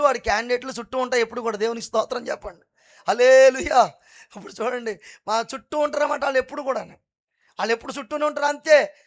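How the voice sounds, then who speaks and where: A man preaching a fervent sermon at an all-night prayer meeting, repeatedly calling on the congregation to praise God loudly. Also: very high voice. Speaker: pastor.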